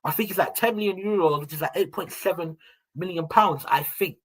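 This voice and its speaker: A man's voice: high voice, brisk, low-quality recording. A young man, a football podcast regular giving his opinions in casual, slangy banter. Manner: animated slangy banter, addressing listeners as people. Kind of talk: casual fan chat.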